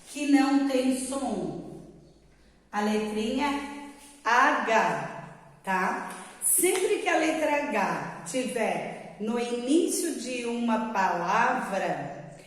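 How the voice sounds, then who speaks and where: Patient woman teacher in an echoey room. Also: fairly high pitch. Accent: Brazilian. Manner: slow, patient explaining with checking questions. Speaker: primary school teacher. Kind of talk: recorded lesson for young children. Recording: very echoey room with long reverb.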